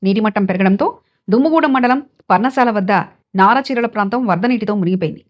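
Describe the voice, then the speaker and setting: A woman news anchor reading a scripted bulletin in an even newsreader delivery. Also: mid-range voice.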